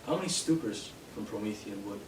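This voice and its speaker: A young man from Canada giving a live poetry reading in a bookshop, hesitant with fillers between poems and steady in his verse. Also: on the low side, brisk. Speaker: poet. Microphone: distant from the mic. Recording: roomy, distant, noisy live room sound.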